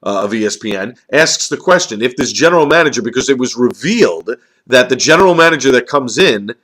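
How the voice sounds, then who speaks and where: A man's voice: mid-range voice, lively intonation, a little fast, a bit bright. A man giving an opinionated football commentary, emphatic and ranting, full of rhetorical questions. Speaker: sports commentator.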